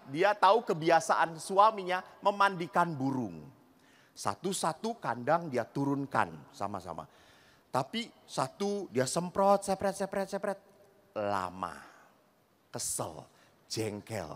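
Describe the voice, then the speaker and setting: Animated man preaching in an echoing hall. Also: a little slow. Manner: storytelling, acting out characters with shifting pitch. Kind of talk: humorous sermon to a large congregation. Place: large event hall with a big audience. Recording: reverberant large hall.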